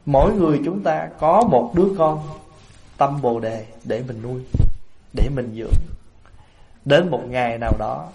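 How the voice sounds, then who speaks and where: A man giving a Buddhist sermon to an assembly, telling lively everyday stories. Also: medium pitch, normal speed, vocal fry, pauses often, noisy background. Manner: lively storyteller, acts out everyday scenes with laughter. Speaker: Buddhist monk giving a Dharma talk.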